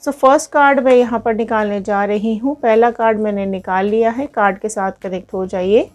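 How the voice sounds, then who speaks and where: A woman's voice: fairly high pitch, steady tone, moderate pace. A woman giving a tarot card reading, talking straight to her viewers in an earnest, repetitive way. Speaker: tarot reader.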